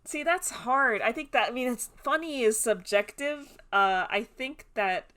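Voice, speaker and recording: A woman's voice: on the high side, unhurried, pushed and bright. A woman co-hosting a podcast in casual chat, rambling with many fillers and often breaking into giggles. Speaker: podcast co-host.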